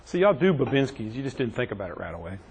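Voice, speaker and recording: A man's voice: mid-range voice, very animated, fast, a little mellow, slight background noise, rough recording. A man teaching a classroom EMS training session, quizzing his trainees and joking with them. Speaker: EMS instructor.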